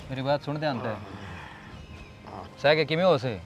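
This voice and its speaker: A man's voice: mid-range voice, animated, measured pace, highs cut off, faint music behind, close to an everyday voice. A young man playing a fed-up grown son who scolds and pleads in a Haryanvi accent, in a comedy drama. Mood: weary scolding. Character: exasperated grown son scolding his drunkard father.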